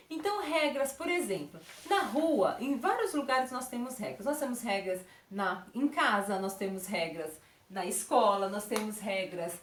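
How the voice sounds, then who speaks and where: A woman's voice: sits high, reverberant. A Brazilian woman teaching a recorded lesson to young children, using diminutives and checking in often with "ok?". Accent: Brazilian Portuguese. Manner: speaks to children with diminutives and frequent check-ins. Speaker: primary school teacher.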